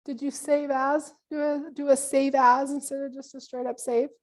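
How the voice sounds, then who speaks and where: High-voiced woman presenting a workshop. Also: level tone, normal speed, a little mellow. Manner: casual, many ums, friendly instructions. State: losing her voice. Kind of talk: live webinar workshop.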